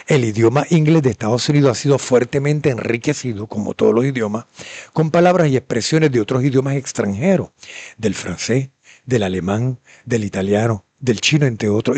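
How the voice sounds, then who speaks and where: A man with a Puerto Rican accent hosting a show, talking in a casual, animated way and repeating words for emphasis. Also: medium pitch, a little fast, slightly rough, no room sound. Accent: Puerto Rican Spanish. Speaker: show host. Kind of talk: casual commentary to camera.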